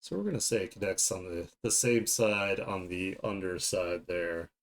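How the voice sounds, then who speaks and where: A deep-voiced man talks at a moderate pace during a casual drawing livestream. As a streamer and illustrator, he thinks aloud playfully and often makes light of himself.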